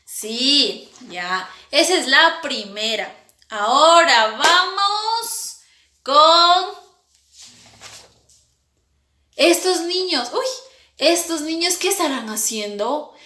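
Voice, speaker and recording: A woman teaching young children about sounds, imitating each one in a slow, sing-song way. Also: high voice, bright, forceful tone. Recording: echoey room.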